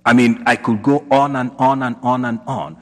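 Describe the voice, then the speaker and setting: A man's voice: medium pitch, steady tone, moderate pace. A man preaching a sermon in a church, posing rising questions and repeating points for emphasis, his voice ringing with cathedral echo. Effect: cathedral echo, long reverb of a large church. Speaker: priest. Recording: long church hall reverb.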